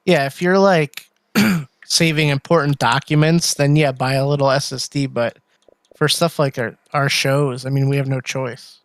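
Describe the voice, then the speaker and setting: A man's voice: mid-range voice, fairly even intonation, normal speed, dry recording. Easygoing man on a headset. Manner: easygoing, agreeable, chuckles often. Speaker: podcast co-host. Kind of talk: casual livestream chat.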